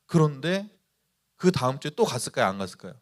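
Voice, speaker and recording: A man preaching a youth sermon as pastor, telling stories with lively, acted-out quoted voices. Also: medium pitch, fast talker. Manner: animated storytelling, acting out quoted voices.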